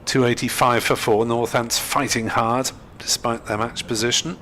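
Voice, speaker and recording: Man, live cricket commentary, measured and hesitant, mid-pitched voice, light background ambience. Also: fairly even intonation, bright, forceful tone, slight background noise.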